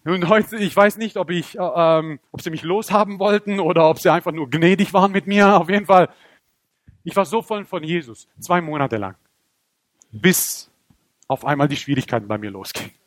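Young man, animated sermon testimony, high-pitched, dry recording. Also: moderate pace, no echo. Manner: animated storytelling, acts out scenes, voice climbs when excited. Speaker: preacher.

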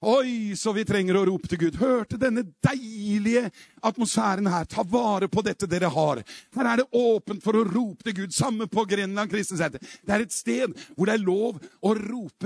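A husky, high-pitched preacher man leads a revival sermon, calling out hallelujahs. He sounds middle-aged. The recording is dry and close. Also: dry recording. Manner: shouting hallelujahs, rising to exclamations.

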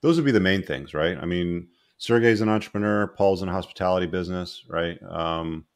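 A man hosting a casual group video call, talking in a relaxed, slangy way with casual swearing. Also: deep voice, brisk. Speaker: host.

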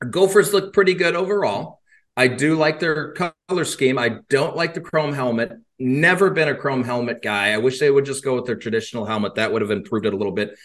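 A man's voice: medium pitch, a little fast, a bit bright. A man co-hosting a casual sports podcast, giving wry, opinionated takes. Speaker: co-host.

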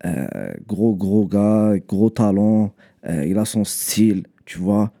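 Laid-back rapper, mellow voice. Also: male voice, on the low side, slow. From Montreal, Canada. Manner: relaxed, mixes English words into French. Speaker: rapper guest. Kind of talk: casual interview.

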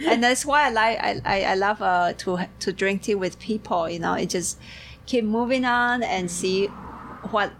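A woman hosting a casual podcast chat, haltingly searching for her words. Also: medium pitch. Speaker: podcast host and tea shop keeper. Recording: clear steady background noise.

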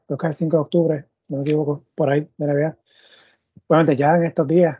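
A man hosts a Spanish-language sports podcast, asking long, meandering interview questions as he thinks aloud with many fillers and restarts. His voice is a little high, dark in tone and slightly rough. The recording is dry, dull and muffled.

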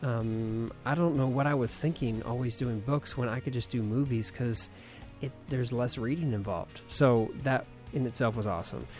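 A man's voice: medium pitch, moderate pace, a little mellow, soft background music. Friendly rambling podcast host man. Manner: friendly, rambling, many fillers. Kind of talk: casual podcast chat.

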